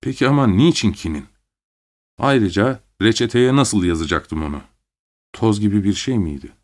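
Man reading a story aloud in first person, slowish and dramatic, lowish voice. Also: animated. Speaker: audiobook reader.

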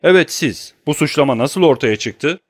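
A cold, grimly menacing young nobleman, voiced by a male audiobook reader, clipped and hard in every line. His voice sits a little higher and pushes a little louder than the narration around it. The recording is dry and close, with no room sound. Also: lively intonation, moderate pace, dry recording. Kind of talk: audiobook character reading.

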